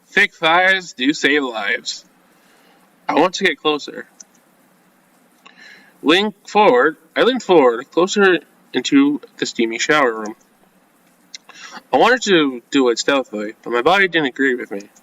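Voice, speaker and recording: A video game let's-player with a bright, medium-pitched voice reads a visual novel script aloud during a playthrough, adding casual commentary. He's informal and reacts with asides between the lines he reads, and the audio quality is poor.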